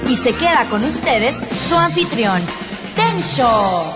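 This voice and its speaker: A woman's voice: high-pitched, sing-song, slow pace, full character voice. A woman playing a podcast announcer, introducing the host in a scripted show intro. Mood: presenting. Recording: loud music over the voice. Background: loud music.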